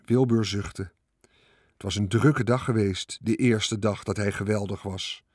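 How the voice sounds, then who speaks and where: A man narrating a children's storybook, reading in a lively way. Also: fairly low pitch, measured pace, husky, no echo, studio quality. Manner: lively, character-voicing reading.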